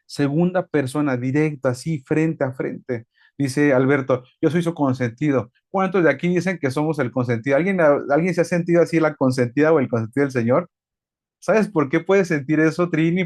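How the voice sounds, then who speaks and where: A man's voice: mid-range voice, a little mellow. A man teaching a Bible class to a small congregation, asking the room questions and stretching out key words. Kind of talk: interactive bible class sermon.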